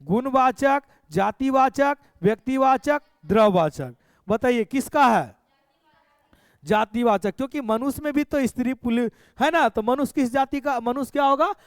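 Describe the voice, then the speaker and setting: Teacher guy, really high clear voice, keeps asking "what's the answer" over and over. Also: lively intonation, normal speed, no echo, studio quality. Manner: drills students with repeated questions and answers. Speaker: coaching teacher. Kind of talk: exam revision lesson.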